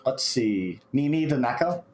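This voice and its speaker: A man's voice: medium pitch, animated, unhurried, reverberant. A man co-hosting a livestream in casual, conversational chat. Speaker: livestream co-host.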